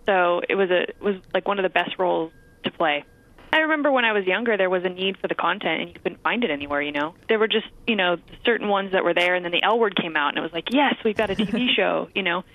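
A woman's voice: on the low side, lively intonation, fast talker, no echo. A woman being interviewed as a guest actress and comedian, speaking candidly and laughing easily. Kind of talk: casual interview chat. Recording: tinny phone line.

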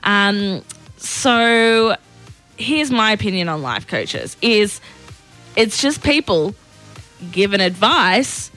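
Bright chatty woman on radio. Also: medium pitch, big pitch swings, slow, long pauses, faint music behind. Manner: chatty, opinionated, lots of fillers. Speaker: radio breakfast co-host. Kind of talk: casual radio banter.

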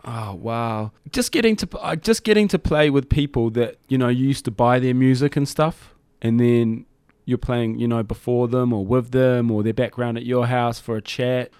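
Guesting in a relaxed studio interview, a middle-aged New Zealand hip-hop DJ and MC talks in a broad accent with loose, rambling phrasing. His medium-pitched voice has a darkish, clear, resonant tone, runs at normal speed with hardly any pauses, and sounds dry, without any room around it.

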